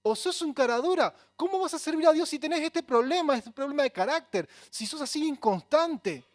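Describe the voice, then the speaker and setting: A man voicing a taunting male devil who mocks and accuses in scornful, shouted questions. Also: very high voice, animated, brisk, voice pushed up. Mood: mocking.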